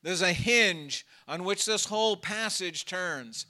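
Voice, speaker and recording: Bright-voiced male pastor preaching. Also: high-pitched, slow. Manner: earnest, emphatic preaching. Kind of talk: sermon and prayer. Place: church.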